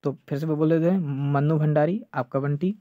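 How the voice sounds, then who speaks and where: A male teacher giving an online exam-prep lecture, checking "clear?" over and over and slowing down to drill names. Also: fairly high pitch, steady tone, a little hiss or hum. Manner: repeats "ठीक है" and "clear है" often, drills names slowly. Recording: dull lo-fi dry sound.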